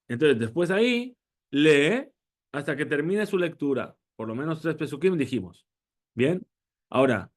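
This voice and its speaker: A man with a slightly high voice teaches a Torah lesson. He reads Hebrew lines quickly and translates them phrase by phrase. He explains in short bits, asking rhetorical questions and checking in with "¿sí?". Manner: speaks in short phrases, fills with "eh" and "¿sí?". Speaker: rabbi teaching.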